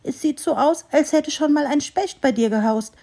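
A woman's voice: high voice, moderate pace, warm tone, voice pushed up. A woman voicing a grumpy little squirrel who complains fussily, for a children's story. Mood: eager. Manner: fussy, complaining, exclaiming. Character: grumpy little squirrel, cross and easily upset.

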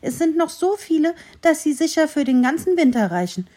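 A woman voicing a small, kind fir tree that talks warmly and enthusiastically, for a children's story. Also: high voice, very animated, a little fast, pitched above the performer's own voice. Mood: welcoming. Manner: warm, enthusiastic, welcoming.

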